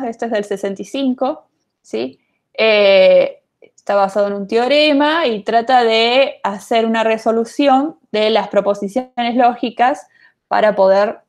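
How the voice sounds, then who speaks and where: A woman's voice: fairly high pitch, darkish tone. A woman giving an online programming lecture, chatty and thinking aloud with many fillers. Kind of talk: online lecture, casual explanation.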